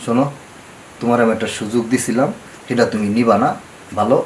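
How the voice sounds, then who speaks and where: A man's voice: medium pitch, fairly even intonation, fast, slight background noise, close to an everyday voice, low-quality recording. An actor playing a pushy, greedy male moneylender who talks bluntly in dialect. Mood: demanding. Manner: blunt, demanding, coarse dialect. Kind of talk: TV drama acting.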